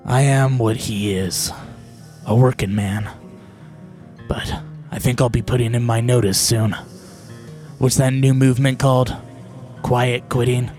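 Man putting on a gravelly sly shadowy game character, sardonic, needling, music underneath. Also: medium pitch, steady tone, unhurried, a little mellow, natural voice. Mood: wry, probing.

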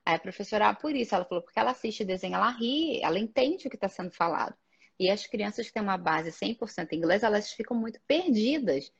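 A woman with a Brazilian Portuguese accent and a husky, slightly breathy voice tells family stories in casual chat, playing out the dialogue as she goes. The recording is dull and lo-fi. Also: medium pitch, fast talker. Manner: lively storytelling, acting out dialogue. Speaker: immigrant mother.

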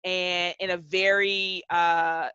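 A woman guest on a podcast, telling a story from her work in a measured, reflective way and slowing down to stress her points. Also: lowish voice, little pitch movement, bright, forceful tone, clear, resonant tone, no room sound. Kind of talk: conversational interview storytelling. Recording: dull, dry lo-fi podcast audio.

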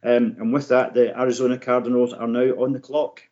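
A man hosting a sports podcast, talking off the cuff about the draft in halting, broken phrases full of ums. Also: medium pitch, little pitch movement, dark tone. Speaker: podcast host. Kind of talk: unscripted American football draft commentary. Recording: slightly dull, lo-fi podcast audio.

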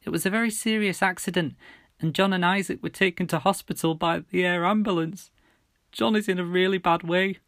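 A man voicing a gentle middle-aged mother, speaking softly and trembling as she breaks bad news. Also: sits high, a little slow, no echo, studio quality, voice pushed up. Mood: sobbing. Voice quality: soft, trembling, breaking with sobs.

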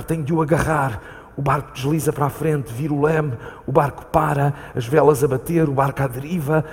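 Man acting frightened sailor at sea, European Portuguese accent, urgent, pleading, repetitive, slightly high voice, long hall reverb. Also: natural voice. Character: frightened man at sea searching for his lost companion. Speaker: actor in a staged reading. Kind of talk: staged theatre reading. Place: theatre hall. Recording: live stage reading in a reverberant hall.

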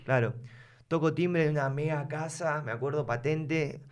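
A young man with an Argentine accent telling a personal story in a casual interview, animated and fast, always checking in with "¿me entendés?". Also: on the high side, clear, resonant tone. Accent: Argentine Rioplatense Spanish. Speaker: guest.

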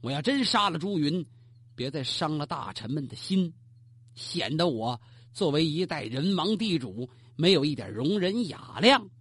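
A storyteller acting out a male emperor with a short fuse who barks his commands from the throne. The husky voice swings widely in pitch, recorded close and dry. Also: sing-song, unhurried, long pauses, a bit bright, no echo, exaggerated voice. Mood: relenting. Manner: barking commands, rash. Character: quick-tempered ancient male emperor.

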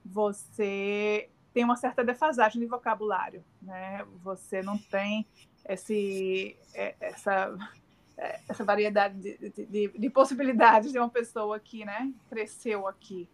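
The audio is poor as a middle-aged woman, accent from Northeastern Brazil, answers a casual remote interview in an unhurried, hesitant way, filling pauses and restarting often. Her mid-range voice keeps a fairly even intonation.

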